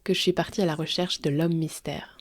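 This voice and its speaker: A woman's voice: low voice, steady tone, brisk. A French woman narrating her podcast as host, with light, playful storytelling. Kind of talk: scripted narration.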